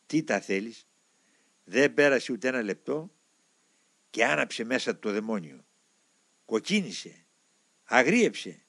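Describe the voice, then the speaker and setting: Expressive man reading a memoir. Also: medium pitch, creaky, long pauses, husky, no room sound. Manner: expressive, dramatic storytelling. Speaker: audiobook reader. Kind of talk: first-person spiritual memoir reading. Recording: dry close recording.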